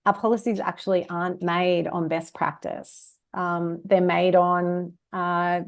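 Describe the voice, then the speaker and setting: A woman's voice: lowish voice, a little slow. An Australian woman speaking as a guest expert in an interview, arguing with rhetorical questions and casual fillers. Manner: animated, uses rhetorical questions and fillers like "you know, like". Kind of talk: conversational interview.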